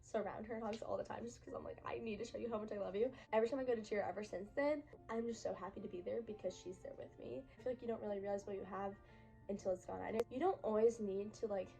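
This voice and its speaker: A woman's voice: mid-range voice, fairly even intonation, fast talker, creaky, dark tone, soft background music, low-quality recording. A young woman vlogger telling a personal story to camera in a chatty, emphatic way, full of fillers.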